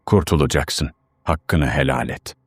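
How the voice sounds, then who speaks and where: A man voicing a guilt-ridden wife reading out her solemn, confessional farewell letter in a low, dry voice. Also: a little slow, a little mellow, husky, dry recording, full character voice. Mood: remorseful.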